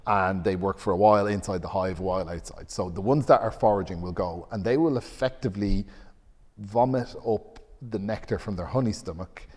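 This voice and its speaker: A man's voice: lowish voice, a little fast, darkish tone, long reverb tail. A man co-hosting a casual podcast, explaining science with hesitant restarts and laughing at his own jokes.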